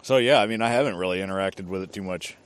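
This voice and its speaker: A man's voice: sits low, fast talker, clear, resonant tone, no echo. A man who served as an army drill sergeant, talking casually and hesitantly, thinking aloud as he speaks. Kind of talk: casual conversation.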